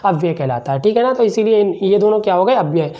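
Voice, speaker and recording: A man gives a classroom lesson at a slow, deliberate pace. He breaks phrases into single words and repeats them, posing questions to the class and answering them himself. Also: sits high, animated, warm tone. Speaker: teacher.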